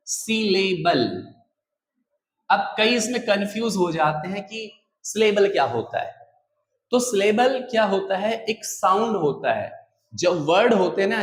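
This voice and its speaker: A man teaching a grammar lesson, repeating words slowly and often checking that students follow. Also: sits high, slight background noise. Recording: echoey room with faint ambience.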